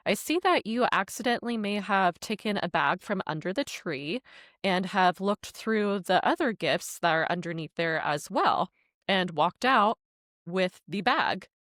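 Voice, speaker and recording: A woman's voice: mid-range voice, measured pace, dry recording, clean studio sound. A woman co-hosting a podcast, telling a workplace story in casual chat and acting out the people in it. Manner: animated, quotes people with laughs. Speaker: podcast co-host.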